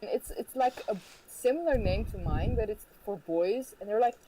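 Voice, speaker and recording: A woman's voice: medium pitch, moderate pace, background noise. A young woman from the Netherlands, chatting casually and giggling while co-streaming a game. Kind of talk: casual chat while gaming.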